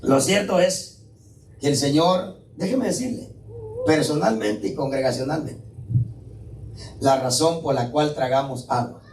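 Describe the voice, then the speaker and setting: A man's voice: mid-range voice, lively intonation, unhurried, long pauses, darkish tone, reverberant, recorded from a distance, slight background noise. A male pastor preaching a sermon in a conversational way, often checking in with his congregation. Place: church hall.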